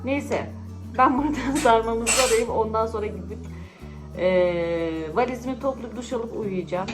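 A woman's voice: a little high, a little slow, music in the background, rough recording. A tired woman vlogging in casual, teasing chat with friends at a friend's home. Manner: chatty, teasing, often laughing.

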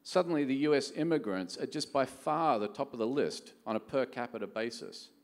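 A middle-aged man from Australia, who works as a venture capital executive, speaks fairly quickly and expressively at medium pitch during a conference keynote. His manner is conversational, full of rhetorical questions, and the large hall stage gives the audio a long, echoey reverb.

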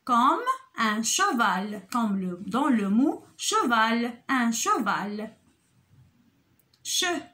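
A woman teaching a kindergarten phonics lesson, repeating sounds and syllables slowly and stressing each example word for young children. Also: fairly high pitch, sing-song, pushed and bright. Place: school, recorded for an online lesson.

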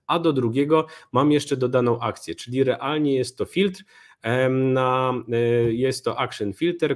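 A young man giving a live coding conference talk from a small home room, relaxed, with many fillers and restarts. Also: medium pitch. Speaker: conference speaker.

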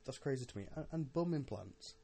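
A young man, a little drunk, giving a casual, halting, rambling monologue with repeated words and some swearing, as a podcast host. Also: medium pitch, lively intonation, gravelly, mellow, breathy edge. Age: young adult.

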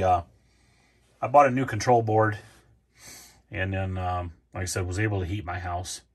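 Low-voiced man explaining a furnace repair. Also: breathy edge. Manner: plain, unhurried, many ums and restarts. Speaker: homeowner showing a repair. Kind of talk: casual DIY walkthrough. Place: indoors by a furnace, off camera.

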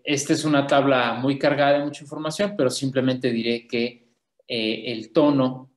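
A man presenting an academic conference talk over a video call, explaining step by step with frequent hesitations and self-corrections. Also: medium pitch. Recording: roomy echo.

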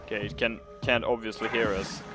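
A man's voice: fairly low pitch, level tone, a little fast. A man giving casual let's play commentary, musing hesitantly aloud to himself as he goes. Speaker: gaming video host. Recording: voice-over with loud game music behind.

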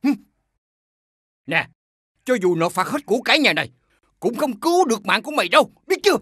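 A middle-aged man playing a widowed village father who scolds loudly and wails laments melodramatically, over faint music. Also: very high-pitched, big pitch swings, a little fast, no room sound, studio quality, full character voice. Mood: scolding.

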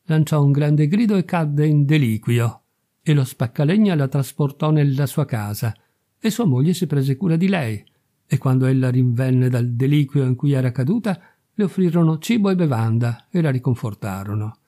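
A man narrating a classic fairy tale in a measured, expressive reading. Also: mid-range voice. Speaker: narrator and reader. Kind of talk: literary audiobook reading.

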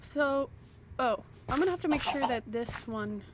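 This YouTuber chats to the camera from her home desk as she plays a block-building game, her fairly high voice expressive and her pace moderate. Cheerful and self-deprecating, she mumbles to herself while organizing her items, and a light hiss runs under the desk-mic recording.

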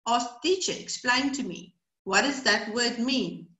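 Her voice is a little high, unhurried, pushed and bright, with reverberation around it. She is a middle-aged brain training educator from South Africa whose first language is Afrikaans, presenting a rambling webinar with many fillers and repeated words over a webcam in a small indoor room.

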